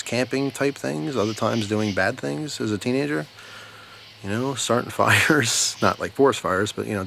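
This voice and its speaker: An American man from New Jersey, a storyteller and video host, rambles through a casual yarn outdoors at night near some bushes. His low voice is creaky and a bit bright, and he's unhurried and informal, repeating things for emphasis. Slight background noise can be heard.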